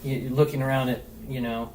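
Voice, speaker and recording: A man with a medium-pitched voice talks fast, far from the mic, as a podcast guest and travel blogger telling a story. His chat is animated and loose, packed with "like" and swearing. The room echoes, and a faint hiss sits under the off-mic sound.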